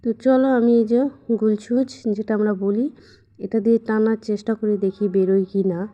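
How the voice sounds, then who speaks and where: A young woman whose voice is hoarse from a cold talks slowly and softly, chatting casually as she tinkers with a sewing machine. Her tone stays flat, with little rise and fall. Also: medium pitch, highs cut off. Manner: soft, slow and plaintive. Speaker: home vlogger. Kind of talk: casual chat while repairing a sewing machine.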